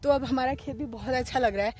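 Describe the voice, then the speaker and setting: Woman, 30s, from Uttarakhand, rather high voice, chatty village vlogger talking into a phone at arm's length outdoors. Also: fast. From Uttarakhand, India. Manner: chatty, explains each task as she goes. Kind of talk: casual vlog narration to camera. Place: hillside fields outdoors. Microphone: phone held at arm's length.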